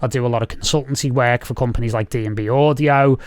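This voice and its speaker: Talking fast in a smooth, darkish, medium-pitched voice with fairly even intonation, this man hosts a podcast. He is in his thirties with a Scouse accent and rambles through a relaxed video-call interview from a room at home, full of fillers. His boom-arm studio mic leaves no echo.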